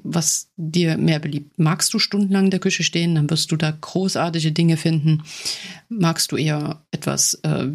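A woman hosting a podcast, talking straight to the listener in a chatty, encouraging way. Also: low voice. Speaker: podcast host. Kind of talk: scripted podcast monologue on healthy eating.

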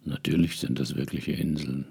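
A man voicing a sly magician in a tailcoat, speaking calmly and knowingly. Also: sits low, measured pace, gravelly, slightly rough, heavily acted.

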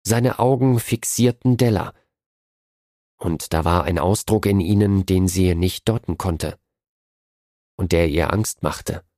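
A man reading a story aloud in a calm, measured narration. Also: deep voice, no room sound, studio quality.

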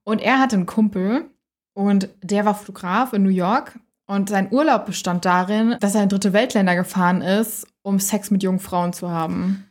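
A woman's voice: medium pitch, normal speed. Woman, podcast co-host; earnest, indignant, conversational. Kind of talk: casual chat.

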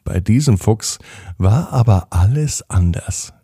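Male storyteller for a children's tale, warm and husky, very lively pitch, close and dry. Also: slow, dry recording. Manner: gentle, expressive storytelling with playful pitch swings.

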